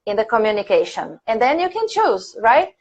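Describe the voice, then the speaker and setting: A woman's slightly high, a little mellow voice swings widely in pitch at normal speed, with a lo-fi sound. She's a Brazilian English teacher, a native Portuguese speaker with a Brazilian accent, leading a casual livestreamed conversation class, chatting, laughing often and using fillers while she thinks aloud.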